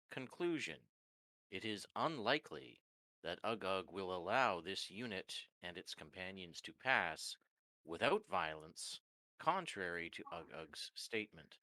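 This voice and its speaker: A man's voice: low voice, pushed and bright, dry recording, full character voice, poor audio. A man playing a clipped robotic warforged. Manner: clipped robotic speech, announces "Query" and "Analysis". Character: terse male warforged construct on a mission. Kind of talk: tabletop role-play.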